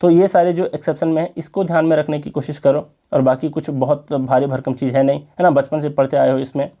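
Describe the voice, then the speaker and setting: A man teaching an exam-prep English grammar lesson in Hindi, explaining slowly and checking in with his students. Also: fairly high pitch, steady tone, mellow.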